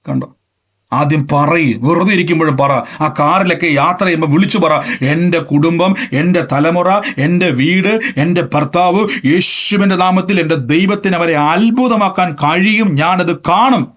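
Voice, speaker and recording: A man preaching a sermon, emphatic and repetitive, often rising in pitch and force. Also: moderate pace, a bit bright, dull audio. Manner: emphatic, repeats phrases, rises in pitch and volume. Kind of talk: Pentecostal sermon.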